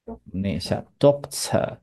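A woman teaching English pronunciation in a patient, lively way, her pitch bouncing as she explains and drills words with a student. Her voice has a slightly gravelly edge. She keeps asking quick checking questions. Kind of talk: bilingual English pronunciation lesson.

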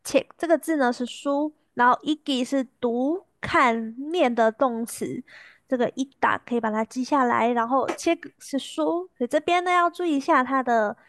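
A woman with a bright, high voice leads a language lesson and repeats each word slowly and clearly so students can copy it. The sound is close and dry, with no room around it. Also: no echo. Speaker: language teacher.

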